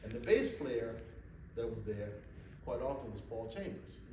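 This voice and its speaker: A man giving a drum masterclass and telling stories, animated and repeating words for emphasis, recorded from far off in a conference hall. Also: mid-range voice, moderate pace, slight background noise. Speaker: drum clinician. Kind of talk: masterclass talk with storytelling. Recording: echoey hall, mic far off.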